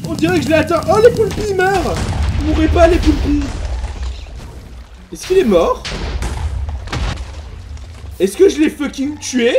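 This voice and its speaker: A man giving excitable let's play commentary, full of exclamations and mild swearing. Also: extremely high pitch, unhurried, long pauses, background noise. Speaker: gaming YouTuber.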